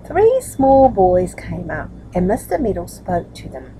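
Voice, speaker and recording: Her voice sits lowish and warm, its pitch swooping wildly as she speaks a little slowly. A nurturing, grandmotherly older woman, she chats with young children, using tag questions, before reading storybooks aloud. Expect a low-quality recording with a little hiss or hum.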